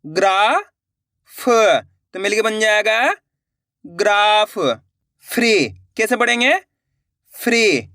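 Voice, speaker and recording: A man teaching reading in a video lesson, sounding out each syllable slowly and asking the viewer how to say each one. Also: high voice, fairly even intonation, sharp tone, smooth, no echo, studio quality. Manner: slow, drawn-out syllables, asks the viewer questions.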